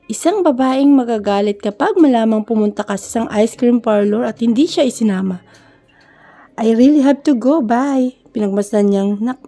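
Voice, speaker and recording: A woman narrates a romance story, switching between Filipino and English. Her voice sits a bit high but sounds mellow rather than bright. She reads each character's lines in a fairly even tone. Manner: voices all characters herself in a mostly even reading tone.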